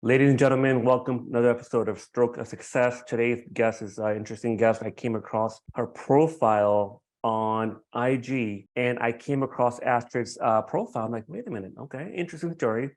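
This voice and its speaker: Halting, friendly male podcast host. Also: medium pitch, a little mellow. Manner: halting, repeats words, friendly. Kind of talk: casual interview hosting.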